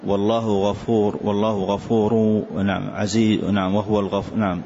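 A man teaching a tajweed lesson, explaining slowly and reciting short words to demonstrate pronunciation. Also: fairly low pitch, level tone, dark tone. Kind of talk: classroom lesson on tajweed rules. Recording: dull lo-fi lecture recording with faint hiss.

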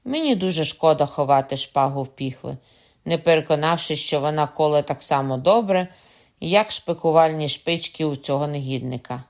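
Brief: reader doing a hot-headed young noble, loud and higher-pitched, shouting his threats. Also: moderate pace, close to an everyday voice. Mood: indignant shouting. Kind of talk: audiobook character voice.

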